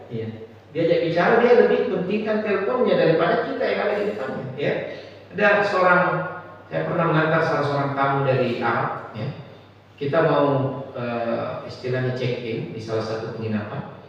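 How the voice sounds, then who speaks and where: A male preacher, his fairly high voice picked up far off in a large, strongly echoing mosque hall. He talks to the congregation in a relaxed, friendly way, dropping in little tag words and soft laughs. The recording is slightly dull, with a faint hiss underneath. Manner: conversational, often adds "ya" and laughs at own anecdotes. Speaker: Islamic preacher. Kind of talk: mosque sermon on parenting. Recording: echoey hall, distant mic, dull sound, faint noise.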